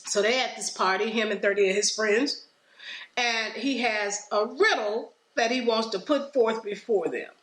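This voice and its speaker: Lady doing a bible study podcast, highish voice, reads a verse then says it her own way, kinda echoey. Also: normal speed, a bit bright. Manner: reads verses, then paraphrases them in loose everyday speech. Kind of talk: conversational scripture teaching.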